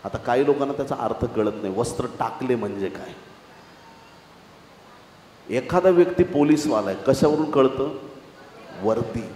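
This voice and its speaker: A male pastor preaching an animated sermon, full of storytelling and rhetorical questions. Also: mid-range voice, moderate pace, long pauses. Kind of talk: dramatic sermon. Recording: roomy hall reverb, faint noise.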